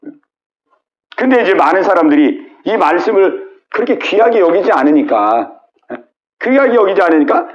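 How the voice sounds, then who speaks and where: A middle-aged man preaching a midweek sermon as pastor, repeating key words and prodding listeners with quick asides. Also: sits high, muffled recording. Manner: repetitive call-and-response with frequent "예?". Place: church sanctuary.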